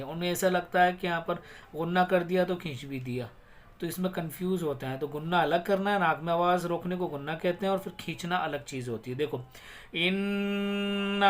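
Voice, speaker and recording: A man with a Pakistani Urdu accent teaching a tajweed lesson, patiently explaining rules and repeating words, then reciting them slowly in a drawn-out, melodic way. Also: a little high.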